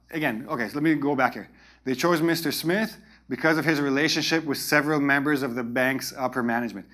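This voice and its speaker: A man in his forties speaks as a writing teacher at a middle pitch. He explains in an instructional way, pausing for emphasis and often checking that the listener follows. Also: a bit bright. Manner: explanatory, with emphatic pauses and frequent check-in tags. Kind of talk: instructional lecture explaining grammar.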